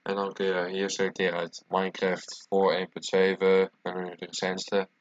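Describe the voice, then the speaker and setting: This man's low voice is completely flat, delivered at normal speed with no echo. Congested from a cold, he walks through a casual screencast tutorial as he types. A dull lo-fi mic captures clear background noise of keyboard typing and clicking.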